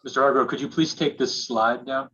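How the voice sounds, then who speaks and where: A man acting as hearings officer, calling on counsel and swearing in a witness in a halting way with many fillers, heard through a dull lo-fi hearing recording. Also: mid-range voice, steady tone, pushed and bright, breathy edge. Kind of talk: formal proceeding moderation. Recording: dull lo-fi remote hearing audio.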